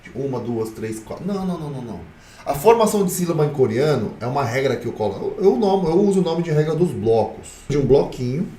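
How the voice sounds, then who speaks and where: Emphatic Brazilian teacher in an echoey room. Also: male voice, fairly high pitch, lively intonation, fast, warm tone, distant mic. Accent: Brazilian Portuguese. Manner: emphatic, blunt, playful, repeats himself. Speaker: Korean teacher. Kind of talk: online language lesson.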